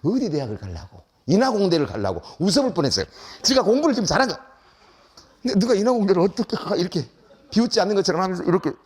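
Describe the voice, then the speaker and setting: Lively, fast-talking older male lecturer. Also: high-pitched, husky. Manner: animated, acts out dialogue, chuckles often. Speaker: lecturer, veteran educator. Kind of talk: storytelling lecture to an audience. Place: lecture hall.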